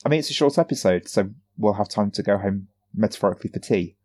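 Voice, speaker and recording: Podcast co-host, male, deep voice, chatty and explanatory. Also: fast, warm tone, husky. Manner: chatty, explains games at length. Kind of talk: casual podcast chat.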